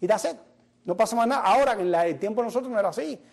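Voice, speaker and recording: A man's voice: high voice, expressive, very fast, creaky, a little mellow. A middle-aged man, hosting a TV show with a joking stand-up monologue. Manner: joking storyteller, punchline delivery. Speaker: TV show host. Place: television studio.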